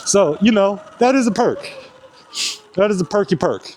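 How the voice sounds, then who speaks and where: A man's voice: sits high, lively intonation, normal speed, darkish tone, slight background noise, poor audio. A man talking from inside a riding helmet with a fogging visor, tired and winded, chatting casually in slang about his ride in the cold outdoors. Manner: laid-back, slangy, calls himself "your boy". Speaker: e-bike rider and video host. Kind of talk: casual vlog chat while riding. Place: outdoors in cold winter weather.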